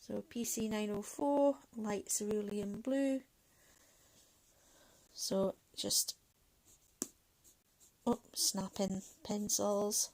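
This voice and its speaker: A Manchester woman in her thirties hosts a livestream, chatting casually while colouring. Her mid-range, darkish voice carries a Mancunian accent with a Scottish lilt, and she draws out words, leaves long pauses and rambles with many fillers. The audio quality is poor.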